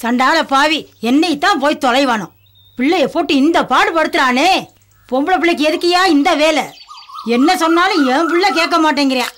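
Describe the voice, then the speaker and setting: An actress playing an older grandmother who loudly and sharply scolds the people around her. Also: high voice, fairly quick, a little hiss or hum. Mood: scolding. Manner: loud, scolding, sharp-tongued. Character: fierce scolding village grandmother. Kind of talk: film drama dialogue.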